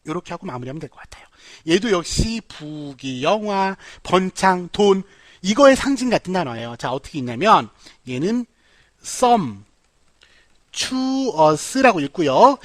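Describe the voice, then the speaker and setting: A man teaching English vocabulary in a lively lecture, playful and full of puns. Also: sits high, no echo. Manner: animated, playful, jokes and puns, addresses viewers as 여러분.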